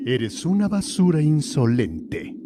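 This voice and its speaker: A man voicing an arrogant, cold alien tyrant from a cartoon, with a haughty, menacing, measured delivery. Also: on the high side, sing-song, noisy background, pitched above the performer's own voice. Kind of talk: cartoon villain dub parody.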